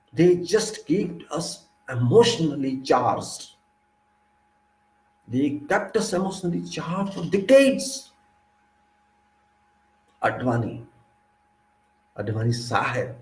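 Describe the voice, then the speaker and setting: A man, delivering a forceful political monologue in a lecturing, repetitive way with sudden loud rises. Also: medium pitch. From India. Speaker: political commentator. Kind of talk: monologue speech. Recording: echoey room with faint ambience.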